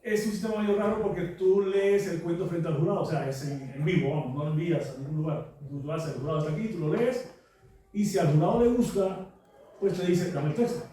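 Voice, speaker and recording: At a book launch in a large room, a Cuban novelist presents his work through relaxed anecdotes studded with fillers. His voice is a little high and brisk, and the mic sits far off in a very echoey space.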